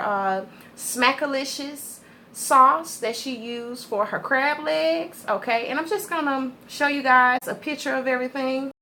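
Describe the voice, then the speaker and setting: Bright, high-voiced woman hosting a food chat. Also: slight background noise. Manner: friendly, chatty, with fillers while describing food. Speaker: mukbang vlogger host. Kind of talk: casual eating-show chat.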